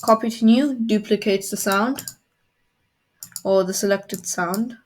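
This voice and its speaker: A woman's voice: mid-range voice, slow pace, slight background noise. Woman explaining a coding tool. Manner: plain step-by-step explaining. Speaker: coding tutor. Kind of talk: screen-recorded software tutorial.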